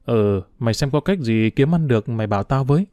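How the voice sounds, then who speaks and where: A withdrawn runaway boy who answers slowly and sparingly, as a male reader puts him on. The voice sits in a plain middle pitch on a dry, close mic. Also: lively intonation, warm tone, no room sound, close to an everyday voice. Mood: hesitant. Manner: hesitant, subdued. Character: quiet hesitant runaway boy.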